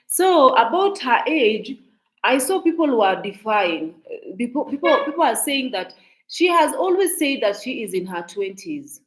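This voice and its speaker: A woman's voice: on the high side, very animated, measured pace. Chatty Kenyan woman commentating on gossip. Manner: talkative, emphatic, repeats and restarts phrases; mixes in Swahili phrases. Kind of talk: casual commentary to viewers.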